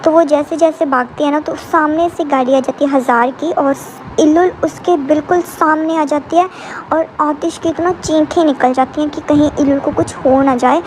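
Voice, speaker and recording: High-pitched woman chatting through a drama recap, talks right to viewers, bit of noise behind. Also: steady tone, normal speed, darkish tone, low-quality recording. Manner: chatty, opinionated, addresses viewers directly.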